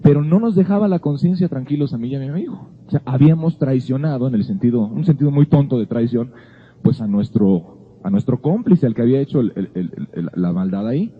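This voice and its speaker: A man's voice: mid-range voice, lively intonation, a little fast, husky. A man giving an earnest Bible teaching, telling a personal story in a conversational way. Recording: phone-like narrow sound.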